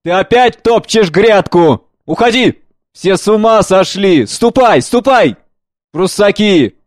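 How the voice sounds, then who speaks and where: A man reads the part of a seventy-year-old gardener who is nearly deaf, stubborn and frantic. He shouts in a high, cracking old voice. The recording is close and dry, with no room sound. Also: moderate pace, dry recording, lightly acted. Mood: furious. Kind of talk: dramatic play reading.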